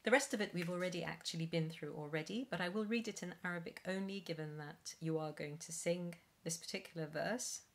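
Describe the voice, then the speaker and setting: Middle-aged woman, singing teacher, lowish voice, careful and slow over a webcam. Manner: slow careful enunciation with spoken explanations. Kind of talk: pronunciation lesson read from sheets. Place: small room at home, indoors.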